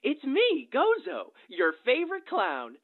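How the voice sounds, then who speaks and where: Silly clown, tinny and swooping. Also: male voice, very high-pitched, huge pitch swings, measured pace, full character voice. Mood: silly, cheery. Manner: silly clown voice, exaggerated showman greeting. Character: silly, cheery male children's party clown. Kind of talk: character voice acting in horror game. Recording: tinny phone-like lo-fi tape.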